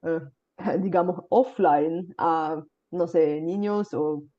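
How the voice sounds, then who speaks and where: Speaking slowly in a low, mellow voice, the Bulgarian host chats casually in Spanish with a faint Caribbean accent. She fills her speech with fillers and tag questions, and the audio's high frequencies are cut off.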